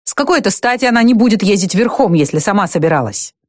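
A woman reading an audiobook voices an angry young husband, a captain, with a rough, barking delivery. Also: mid-range voice, animated, quick pace, no room sound, clean studio sound, natural voice. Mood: rough anger.

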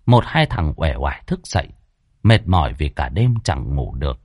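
A man narrating a ghost story from a script, with a dramatic, varied delivery and tense pauses. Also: extremely low pitch, sing-song, a little mellow, breathy edge, no room sound, studio quality.

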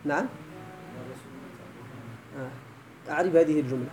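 A man with a Moroccan accent teaching an Arabic grammar lesson, chanting verses slowly and quizzing his students. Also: on the high side, a little mellow, a little hiss or hum, low-quality recording.

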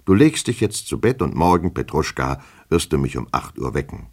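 A man's voice: very deep voice, very animated, moderate pace, slightly rough, exaggerated voice. A man reading a fretful, fussy middle-aged clerk who speaks mildly and mutters to himself. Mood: coaxing. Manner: mild, coaxing, then muttering to himself.

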